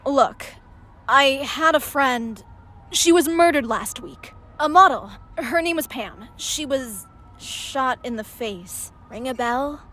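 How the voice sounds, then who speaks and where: High-voiced determined student reporter. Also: female voice, animated, slow pace, a bit bright, exaggerated voice. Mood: insistent. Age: young adult. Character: determined, serious young female journalism student. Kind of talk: video game voice acting.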